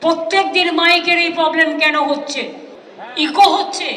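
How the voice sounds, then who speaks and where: A woman scolding sternly over a public address microphone, her voice ringing with a long cathedral-like echo from the loudspeakers. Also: very high-pitched, moderate pace. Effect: long cathedral-like echo through loudspeakers. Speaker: speaker at a public event. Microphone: PA microphone heard through speakers. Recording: echoey hall from far off.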